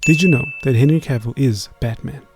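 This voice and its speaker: A man's voice: medium pitch, a little fast, over loud music. A man reading scripted narration in a plain announcing manner.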